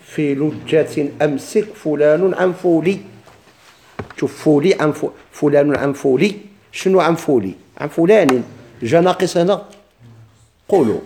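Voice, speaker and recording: Moroccan guy teaching arabic grammar, gravelly mellow voice, keeps asking himself questions. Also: fairly high pitch. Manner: explains slowly, repeats examples, asks and answers his own questions. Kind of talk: classroom explanation of a grammar text.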